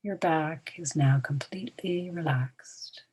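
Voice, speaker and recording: Guiding a relaxation meditation, a woman speaks very slowly in a low, breathy voice. She uses short, soothing phrases with long pauses in between, often easing toward a whisper at the ends.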